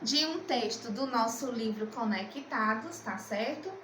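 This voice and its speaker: Lady teacher, high voice, slow and coaxing, echoey room. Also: expressive, fairly bright tone, a little hiss or hum. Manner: slow, coaxing, asks and answers her own questions. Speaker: primary school teacher. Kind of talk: remote literacy lesson.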